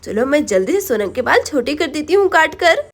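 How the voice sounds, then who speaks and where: A woman's voice: high-pitched, sing-song, fairly quick. A woman voicing a scheming village mother who is bossy and sly.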